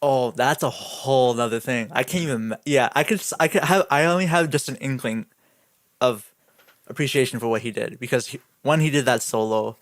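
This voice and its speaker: A man's voice: medium pitch, a little fast, dry recording. A young man co-hosting a podcast, telling a story in a casual way, laughing often and saying "like" a lot. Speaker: podcast co-host. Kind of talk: casual chat.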